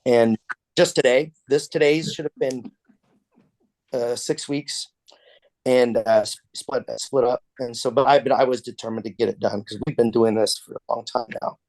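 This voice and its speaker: A man's voice: medium pitch, steady tone, normal speed, a little mellow, no room sound. A man leading a casual church class discussion over a video call, talking conversationally with frequent restarts.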